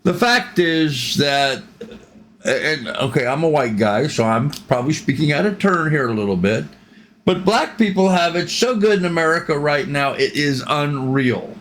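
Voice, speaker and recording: A man's voice: on the high side, expressive, normal speed, a bit bright. An older man hosting a reaction channel, giving rambling, opinionated commentary with frequent ums.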